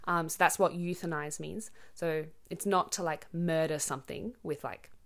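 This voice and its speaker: A woman's voice: deep voice, fairly even intonation, moderate pace. A young woman hosting a casual podcast, rambling with many ums and stopping to explain words simply. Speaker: podcast host. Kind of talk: casual chatty monologue.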